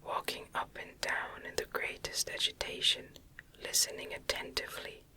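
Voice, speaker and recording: Reading gothic fiction aloud, an ASMR narrator whispers softly and breathily without voicing, staying close to the microphone. The delivery is slow, deliberate and soft.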